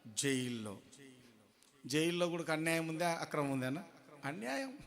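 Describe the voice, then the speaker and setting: A man preaching a sermon, throwing questions at the congregation and swinging between loud shouts and low murmurs. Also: animated, moderate pace, in a large hall.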